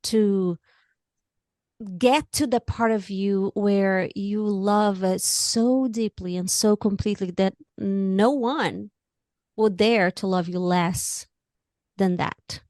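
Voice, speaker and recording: A woman from Brazil with a Brazilian Portuguese accent, a guest on an interview show who speaks earnestly and haltingly, often repeating words while she searches for them. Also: medium pitch, darkish tone, no echo, studio quality. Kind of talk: candid interview talk.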